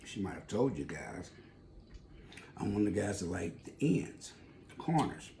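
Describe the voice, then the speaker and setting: A man co-hosts a casual home cooking vlog and tastes the food, bantering playfully with a teasing edge. His voice sits very low but swings widely in pitch. The sound is echoey, as if recorded in a bare room. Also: sing-song, normal speed, creaky, dark tone, slight background noise. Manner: playful, teasing, talks with his mouth full. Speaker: co-host, taste tester.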